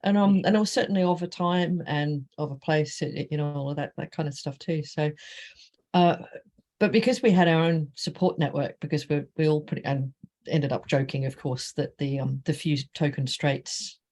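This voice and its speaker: A woman's voice: sits low, moderate pace, darkish tone. Woman, middle-aged, from australia, interview guest, casual talk, ums and restarts. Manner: hesitant, many fillers, laughs often. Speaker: author guest.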